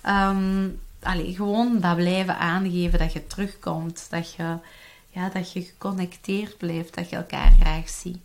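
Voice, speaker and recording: Lively Flemish woman coaching parents. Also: lowish voice, measured pace, gravelly. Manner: lively, conversational, frequent "hè" tags. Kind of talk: explanatory talk to parents.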